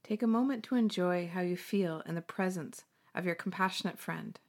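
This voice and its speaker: A woman guides a meditation in a calm, unhurried way. Her voice sits a little low and soothing, with gentle pauses between phrases. She sounds like she is hosting a relaxation session.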